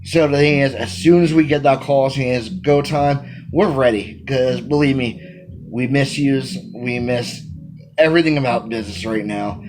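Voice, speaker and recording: Music plays in the background of this poor-quality clip, where a man in his thirties, a wrestling manager, reads out interview questions and answers them. Speaking at a moderate pace with medium pitch, he's energetic and emphatic, gesturing plenty into a phone camera at arm's length in a small room at home.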